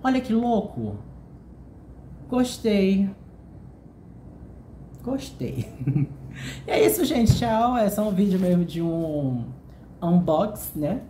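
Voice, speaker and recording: Brazilian male vlogger, gushy and nervous, unhurried delivery, echoey room with faint hum. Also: high-pitched. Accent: Brazilian Portuguese. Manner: excitable, gushing, jittery with nerves. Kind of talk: casual unboxing vlog. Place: hotel room.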